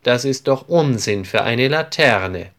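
A man's voice: mid-range voice, animated, slow pace, fairly bright tone. A man voicing a boastful, quarrelsome young boy who talks dismissively.

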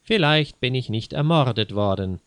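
A man's voice: medium pitch, expressive, moderate pace, a bit bright, smooth, no room sound, close to an everyday voice. A man voicing a timid, easily offended young man in a read-aloud story. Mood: indignant. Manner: fearful, indignant.

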